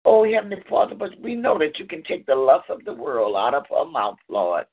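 A man's voice: on the high side, big pitch swings, brisk, husky. Fervent praying man over a phone line. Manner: fervent, rhythmic, repeating "Lord" and "in the name of Jesus". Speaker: prayer leader. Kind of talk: intercessory prayer.

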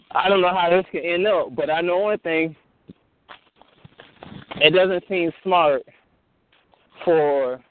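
A man hosting a call-in fellowship discussion, talking in a halting way with many fillers and restarts. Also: fairly high pitch, a little hiss or hum. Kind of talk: casual phone discussion. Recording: tinny phone line.

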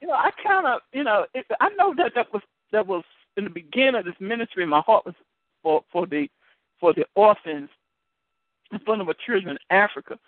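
A man with a high, very lively voice hosts a call-in deliverance show and tells a caller his testimony. He trips over repeated words as he goes. He comes through a thin, tinny phone line with no room sound. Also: a little fast, no echo. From United States. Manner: animated storytelling with many word repeats and laughs.

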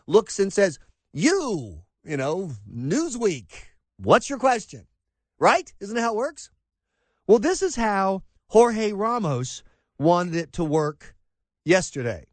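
A man's voice: high voice, dry recording. A middle-aged man hosting a talk radio show from a diner, ranting in an opinionated, mocking way and acting out quotes. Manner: animated, mocking, acts out quotes. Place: broadcasting live from a diner.

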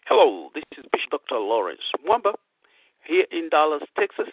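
A man's voice: fairly high pitch, big pitch swings, fairly quick, dry recording. A middle-aged Zambian-born man, a pastor hosting a radio broadcast, talks casually with many fillers and emphatic rises. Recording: tinny phone-line radio broadcast.

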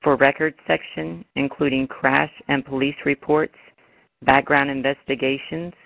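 Tinny, creaky male phone menu voice. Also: medium pitch, flat delivery, no room sound. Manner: measured, formal recitation of options. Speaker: automated phone menu announcer. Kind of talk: phone menu voice, scripted recorded announcement. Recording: tinny, narrow phone line.

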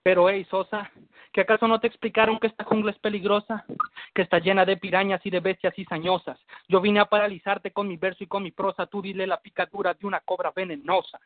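A man's voice: high voice, flat delivery, quick pace, no echo. A man freestyling boastful battle-rap insults over the phone, dropping in English phrases. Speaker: battle rapper. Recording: tinny dry phone line.

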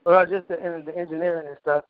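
A man from Michigan calling in to a show, chatting in relaxed, easygoing slang. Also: a little high, fast, phone-quality sound, crowd noise. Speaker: caller, musician. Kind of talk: casual phone-in chat.

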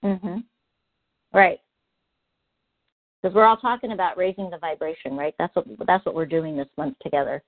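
A woman's voice: lowish voice, steady tone, normal speed, long pauses, dry recording. A woman sharing reflections on a group phone call, agreeable and musing with many fillers. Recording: tinny phone line, dry.

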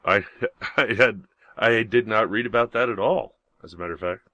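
A man's voice: lowish voice, normal speed, pushed and bright, no room sound, highs cut off. A man hosting a talk radio show, chatting casually and reading news items in a blunt, grumpy, sarcastic way.

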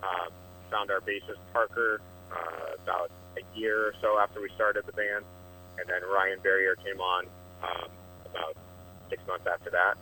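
A man's voice: deep voice, little pitch movement, pushed and bright, a little hiss or hum. Man talking over a phone line. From Iowa, US. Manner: hesitant, many filler pauses. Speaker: band member, phone-in guest. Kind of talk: casual interview answers.

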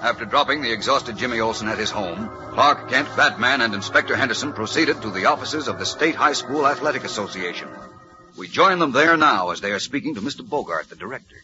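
A man's voice: mid-range voice, lively intonation, a little fast, dull audio, natural voice. An American man narrating a serial as a dramatic, suspense-building 1940s radio announcer. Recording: old radio recording with loud music.

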